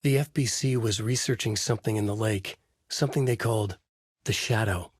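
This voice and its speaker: Narrating video game voice lines, a man plays a brooding, haunted horror novelist, speaking grim noir-style inner monologue in a low, husky register. His delivery is a little fast, and the audio is close and dry, with no echo or room sound.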